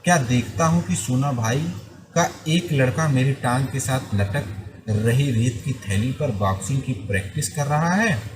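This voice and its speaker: A man's voice: medium pitch, a little slow, rough recording. Man teaching a textbook lesson. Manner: reads passages then explains words, with frequent checks.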